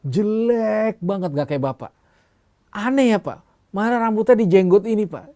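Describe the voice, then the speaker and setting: A man voicing a tactless little boy who blurts out rude remarks in a shrill, high voice. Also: expressive, normal speed, warm tone, no echo, studio quality.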